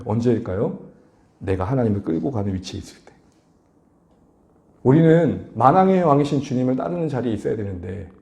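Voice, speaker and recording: A male pastor preaching a sermon, asking the congregation questions and building to animated emphasis. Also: medium pitch, echoey room. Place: church sanctuary.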